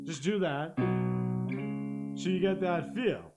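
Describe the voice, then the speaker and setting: A man with a fairly high voice leads a live-streamed guitar lesson. He breaks each part down patiently, often checks in with "okay?" and hums the rhythms. Loud guitar playing runs underneath his voice. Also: lively intonation, slow pace. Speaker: guitar teacher. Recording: guitar playing loudly behind. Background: guitar playing and looper.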